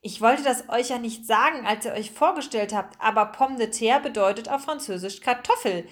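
A knowing little male hamster from a storybook, as a woman reads him, matter-of-fact and keen to explain. His voice sits fairly high. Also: normal speed, lightly acted.

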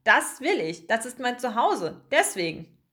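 A woman's voice: fairly high pitch, sing-song, a little slow, a bit bright. Woman reader doing young male mouse, timid, anxious, touchy, storybook. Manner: anxious, indignant.

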